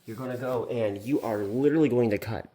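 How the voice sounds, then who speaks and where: A man's voice: medium pitch, fairly quick, warm tone, a little hiss or hum. A man hosting a casual craft tutorial vlog, talking in a rambling, informal way with loose asides, recorded in a basement. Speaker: video host. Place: basement room indoors.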